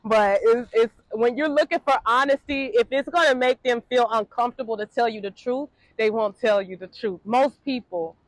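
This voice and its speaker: A woman's voice: a little high, normal speed, few pauses, no room sound. Chatty Jamaican-born woman with an American accent. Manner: chatty, many fillers, laughs often. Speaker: travel vlogger. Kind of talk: casual talk to camera. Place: Ghana.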